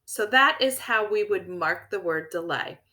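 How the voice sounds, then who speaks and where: A woman teacher talks young pupils through a word lesson in a bright, clear voice. She speaks slowly and patiently, and her pitch rises and falls a lot as she explains. She checks in often to keep the children following. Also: lively intonation. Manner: slow, clear, encouraging teacher talk with checking questions. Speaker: elementary school teacher. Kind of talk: recorded vocabulary lesson for children.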